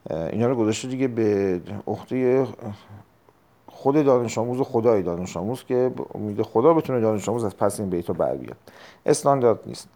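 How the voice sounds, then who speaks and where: A man teaching a recorded test-prep lesson, explaining step by step, repeating key terms and clearing his throat often. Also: fairly low pitch, animated, mellow. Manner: frequent throat clearing and hesitations.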